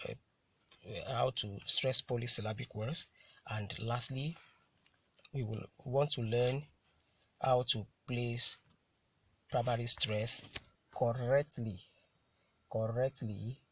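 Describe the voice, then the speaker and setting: Slow, husky male English teacher. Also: mid-range voice, sharp tone, no echo. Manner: deliberate, repeats key terms and asks rhetorical questions. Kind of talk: classroom lecture.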